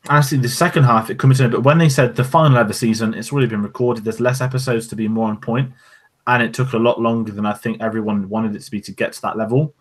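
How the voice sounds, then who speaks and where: A man's voice: mid-range voice, fairly even intonation, quick pace. A man co-hosting a podcast, chatting casually in a rambling, opinionated way. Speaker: podcast co-host. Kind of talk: casual chat. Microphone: podcast microphone.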